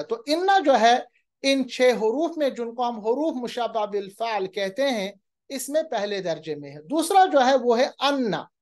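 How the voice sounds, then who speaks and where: A woman teaching a grammar lecture, explaining patiently and slowing down to recite example phrases carefully. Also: a little high. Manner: patient explaining, often checks in with "okay".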